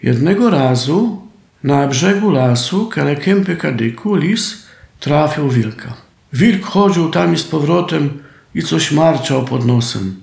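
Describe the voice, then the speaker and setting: A man's voice: a little high, animated, measured pace, creaky, darkish tone, roomy sound. A man with a Silesian accent telling a folk tale in a homely dialect style. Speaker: storyteller.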